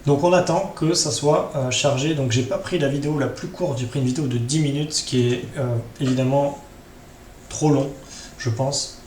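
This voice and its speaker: Here the tutorial host talks at a normal speed, his medium-pitched, darkish voice holding a fairly even intonation. He's running a relaxed screen tutorial, making it up as he goes, thinking out loud and leaning on tag questions. Faint background noise and a roomy echo sit under his voice.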